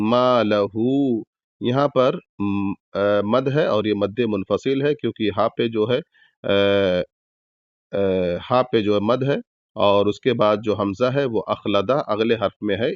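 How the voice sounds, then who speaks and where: A man teaching Quran recitation step by step, patiently explaining each rule and repeating words slowly in drawn-out chant as examples. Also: on the low side, no echo, dull audio. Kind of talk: step-by-step tajweed lesson.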